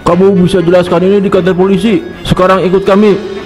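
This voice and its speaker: A no-nonsense cartoon police officer, voiced by a man who speaks formally and commands. His pitch runs high, with faint music behind. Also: level tone, fast, darkish tone, natural voice. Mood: stern. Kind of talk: cartoon voice acting.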